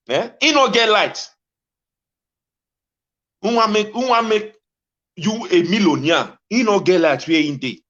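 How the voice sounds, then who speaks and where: His voice sits high and has a fairly bright tone as this Nigerian-accented talk show host rants to his audience in Pidgin, impassioned and informal, exclaiming and repeating phrases insistently. It's captured on dull, lo-fi audio.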